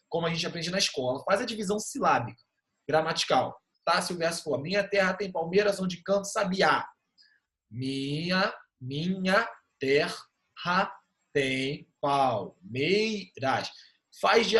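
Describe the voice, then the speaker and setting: A man with a bright, high voice and a Brazilian Portuguese accent teaches an online class. He's patient and frequently checks that students are following with "tá bom?"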